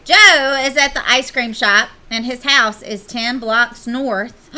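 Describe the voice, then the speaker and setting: A woman's voice: on the high side, takes it slowly, bright, forceful tone. A woman teacher, leading a classroom math lesson and playfully teasing her students.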